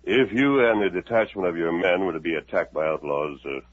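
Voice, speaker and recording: An actor playing the Lone Ranger, a calm, resolute masked hero, speaking in a steady, persuasive way in a 1950s radio drama. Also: male voice, low voice, a little fast. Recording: tinny narrow old radio recording.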